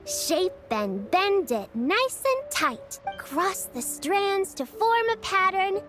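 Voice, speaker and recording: In video game character dialogue, a woman voices a cheerful, caring young girl, patiently explaining things in a reassuring singsong. Her heavily acted delivery is very high-pitched, very animated, and slow, set over music.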